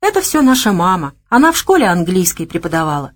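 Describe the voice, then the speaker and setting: A woman's voice: lowish voice, sing-song, quick pace. A woman voicing a hearty, effusive middle-aged male general. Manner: warm, effusive.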